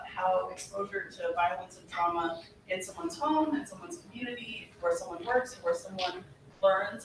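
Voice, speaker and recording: An earnest policy presenter walks a committee through a briefing, steady and explanatory, with occasional "uh" and "um" as they gather thoughts. The voice sits well back from the microphone in a large, echoing hearing room. A clear layer of room noise runs underneath. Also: mid-range voice. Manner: earnest, explanatory, frequent fillers. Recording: echoey hearing room from far off, with background noise.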